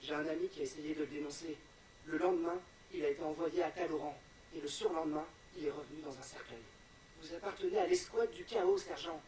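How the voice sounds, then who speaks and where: Man acting anxious high-voiced young soldier. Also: fast, darkish tone, natural voice. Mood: aggrieved, anxious. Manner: earnest, deferential. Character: anxious, pleading young male soldier, respectful and grateful. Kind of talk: video game voice acting. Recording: slightly distant, crowd chatter behind.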